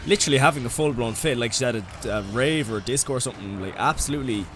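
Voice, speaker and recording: A man's voice: medium pitch, very fast, fairly bright tone, a little hiss or hum. A young man with an Irish accent, ranting comically in a rambling, sweary way full of "like"s. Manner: rambling, sweary, heavy use of "like". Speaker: vlogger. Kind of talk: comedic rant.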